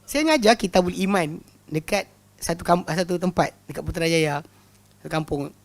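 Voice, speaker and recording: A man with a Malaysian Malay accent teaching a religious class, telling lively anecdotes, often laughing and repeating words. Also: sits high, normal speed. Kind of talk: lecture with humorous anecdotes.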